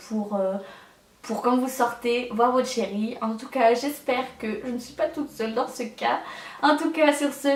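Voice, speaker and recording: A woman's voice: fairly high pitch, echoey room, recorded from a distance. A young woman chatting in a casual vlog, hesitant and full of fillers as she shows her collection. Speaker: beauty vlogger.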